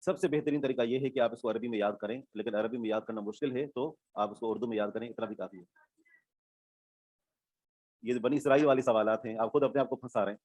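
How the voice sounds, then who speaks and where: A man teaching an online religious studies class. He explains each term patiently, repeats key words and checks that his students are following. His voice sits at a middle pitch and sounds dry and close to the mic. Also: fast, a little mellow, no room sound. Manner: explains step by step, repeats terms, checks understanding.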